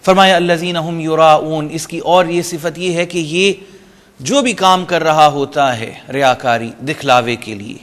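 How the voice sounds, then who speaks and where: A man teaching Quran reading, explaining rules patiently step by step. He mixes in English terms and recites short Arabic phrases slowly between explanations. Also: on the high side, a bit bright, in a large hall. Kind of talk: explanatory lesson.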